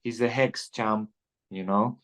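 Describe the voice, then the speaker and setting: Talking easily as a guest in a casual interview, a Greek fighter in his twenties keeps peppering his speech with "you know." He takes it slowly, in a fairly even, low-ish voice with a bit of brightness.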